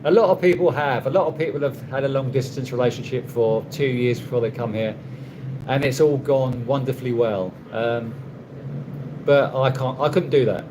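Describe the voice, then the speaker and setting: A man with a mid-range voice casually takes viewers' questions on a live stream from a condo room. He rambles and halts, restarting often with a dry, wry humor, against a noisy background.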